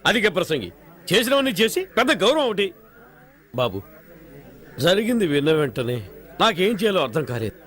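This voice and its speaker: A man's voice: sits high, sing-song, a little fast, pauses often. An actor playing an anxious older father who pleads and scolds his daughter. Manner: pleading, scolding, shouts in bursts.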